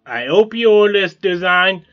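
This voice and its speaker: In dull-sounding audio, a channel host with a high, animated voice talks at a moderate pace while showing how he hand-draws a t-shirt design. His narration of the drawing tutorial is plain and repetitive, full of fillers and restarts.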